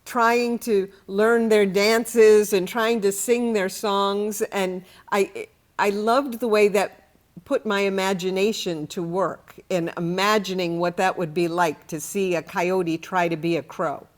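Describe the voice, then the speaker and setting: Slow, deliberate woman book show host. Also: mid-range voice, fairly even intonation. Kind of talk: book discussion and word lesson.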